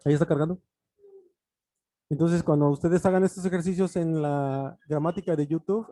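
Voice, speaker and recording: A man's voice: fairly high pitch, warm tone, dry recording. A man teaching an online English grammar lesson, explaining patiently with frequent fillers and restarts.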